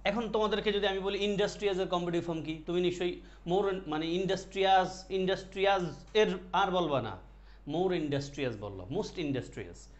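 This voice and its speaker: A man's voice: high-pitched, fast talker, dull audio. A man teaching an online English grammar class, explaining step by step, repeating words and asking his students questions.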